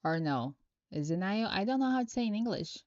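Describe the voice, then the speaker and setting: This is a Brazilian woman, a non-native English speaker with a Brazilian Portuguese accent, doing tarot on a live stream. She reads out viewer questions and replies unhurriedly, with pauses, in a mid-range, slightly mellow voice with lively intonation. There's no room sound, and the audio is lo-fi.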